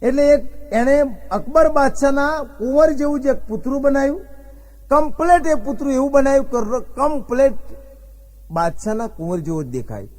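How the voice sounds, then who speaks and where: A high-pitched man spinning jokes on stage. He tells folksy comic stories and slips into the characters' lines as he goes. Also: expressive, moderate pace, darkish tone. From Gujarat, India. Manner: folksy joke-telling with acted dialogue. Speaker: stand-up comedian.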